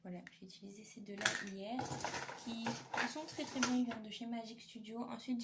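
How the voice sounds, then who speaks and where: A woman's voice: a little high, a little hiss or hum. A young woman chatting casually in a makeup vlog, tired and hesitant, with many fillers. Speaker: beauty vlogger.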